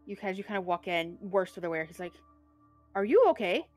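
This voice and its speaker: A woman's voice: lowish voice, flat delivery, fast, soft background music. A woman narrating a tabletop game as game master, in a loose, rambling way with frequent restarts.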